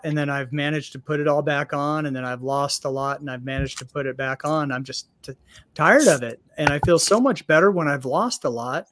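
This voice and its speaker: A man's voice: fairly high pitch, a bit bright, no echo. A sixty-year-old man speaking candidly and hesitantly on a video call, with a self-deprecating touch. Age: 60s. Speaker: roundtable guest. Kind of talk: casual chat on a video call.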